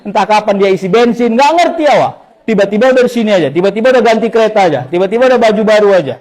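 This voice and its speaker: Brief: male preacher with a Medan accent, high voice, humorous storytelling sermon. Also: rough recording. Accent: Medan Indonesian. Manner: lively, joking, storytelling. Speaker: Islamic preacher.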